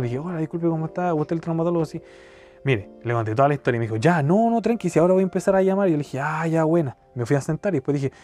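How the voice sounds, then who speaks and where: A man's voice: fairly high pitch, mellow. A young man with a Chilean accent telling a rambling personal story in slangy casual speech. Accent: Chilean Spanish. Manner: rambling, slangy, keeps saying cachai. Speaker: podcast storyteller.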